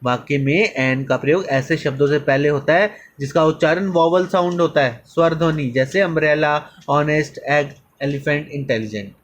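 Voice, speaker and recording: A man teaching English grammar in a slow lesson, calling viewers children and reading examples slowly. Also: a little high, rough recording.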